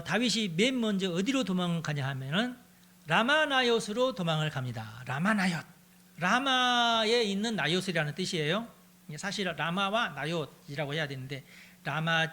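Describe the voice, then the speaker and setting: A pastor teaching a Bible study, retelling the story in a lively, conversational way and acting out the characters as he goes. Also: high voice. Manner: animated, acts out the characters in the story.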